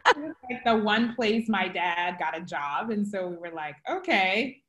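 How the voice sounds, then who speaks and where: A woman's voice: medium pitch, expressive, measured pace, echoey room. A woman born in Uganda who grew up in Zimbabwe and the US, a photographer telling her story as a podcast guest with easy laughter. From Uganda and Zimbabwe, then US South. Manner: warm storytelling, laughs easily. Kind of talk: casual interview chat.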